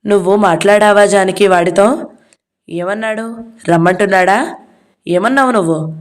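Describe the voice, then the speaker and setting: A woman voicing a quick-tempered young man who shouts and hurls scornful insults at his sister's husband. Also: medium pitch, natural voice. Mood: alarmed.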